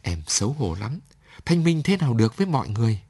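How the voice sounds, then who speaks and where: A man's voice: mid-range voice, very animated, fast, darkish tone, slightly rough. A man reading a story aloud, voicing a lonely young woman who pleads through tears and then turns firm.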